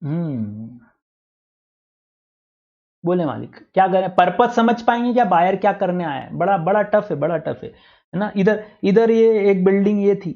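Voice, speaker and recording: A male teacher giving a classroom lecture, who keeps asking the class for quick answers. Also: high-pitched, lively intonation. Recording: dull lo-fi classroom recording.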